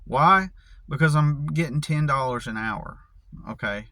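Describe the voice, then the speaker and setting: A man's voice: fairly high pitch, a little slow, sharp tone. An American man in a casual vlog, ranting angrily and profanely with many restarts. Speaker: vlogger.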